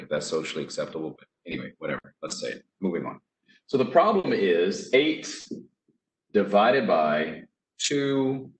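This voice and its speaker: Low-voiced man teaching math, echoey room. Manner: chatty, offhand asides, trails off with "whatever". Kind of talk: casual math lesson explaining steps.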